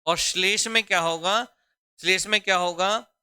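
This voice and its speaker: A man's voice: high-pitched, steady tone, sharp tone, smooth, dry recording. A man teaching a Hindi grammar lesson for exam preparation. He often repeats his own questions and calls the students "beta". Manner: drawn-out, deliberate explaining.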